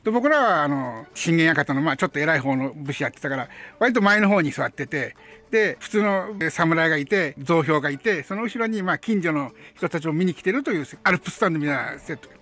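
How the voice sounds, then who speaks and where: A man's voice: on the high side, expressive, quick pace, pushed and bright. A man in his seventies, a film actor, telling behind-the-scenes stories in casual chat and acting out voices and sound effects as he goes. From Japan. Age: 70s.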